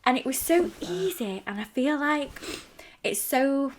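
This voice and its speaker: A woman's voice: high voice, lively intonation, a little slow, slight background noise. A young adult woman co-hosting a podcast, telling a rambling, chatty story in casual conversation and laughing often. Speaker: podcast co-host. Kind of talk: casual chat.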